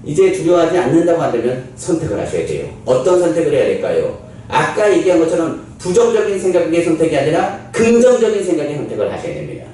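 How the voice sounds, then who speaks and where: Male pastor, sermon; lively, animated delivery with a mellow tone; distant mic in an echoey hall. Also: fairly high pitch, fast, a little hiss or hum. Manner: preaching with rhetorical questions and dramatic quoted lines. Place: church sanctuary.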